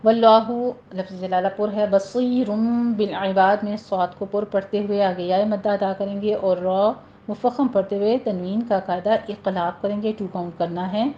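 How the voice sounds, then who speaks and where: A woman teaching Quran recitation rules step by step, then reciting the example words slowly and drawn out. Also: medium pitch, level tone, muffled recording, slight background noise. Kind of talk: tajweed lesson with slow recited examples.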